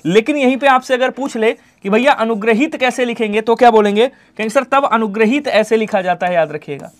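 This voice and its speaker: A man teaching an online Hindi exam-prep class, who answers his own questions in the voice of his students and lets the ends of his sentences fall quiet. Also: very high-pitched, fairly quick. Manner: repeats answers in imagined student replies, drops to quiet trailing endings.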